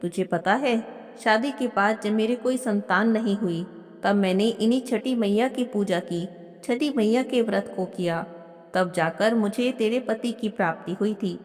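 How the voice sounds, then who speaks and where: A woman's voice: mid-range voice, measured pace, darkish tone, lightly acted. A woman voicing a devout elderly mother-in-law who pleads and urges in a devotional story. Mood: coaxing. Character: pious old mother-in-law, pleading and tearful. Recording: long hall reverb.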